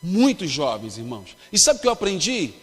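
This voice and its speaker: A man's voice: fairly high pitch, wildly swooping pitch, brisk, breathy edge. A man with a Brazilian accent preaching a sermon, telling a personal story and calling the congregation brothers. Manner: storytelling, emphatic, calls the congregation "irmãos". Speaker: pastor. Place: church hall at a youth congress. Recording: long reverb of a church hall.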